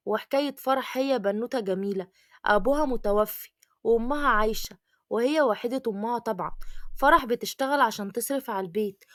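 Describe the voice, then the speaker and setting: A woman's voice: fairly high pitch, dry recording, studio quality. A woman with an Egyptian accent narrating a storybook tale in a plain, matter-of-fact way. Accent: Egyptian Arabic.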